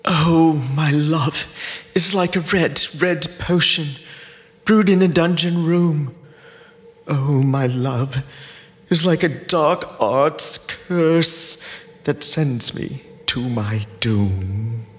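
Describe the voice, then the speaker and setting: Woman as Snape, slow brooding teenage wizard boy. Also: deep voice, voice pushed down. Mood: anguished longing. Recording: long reverb.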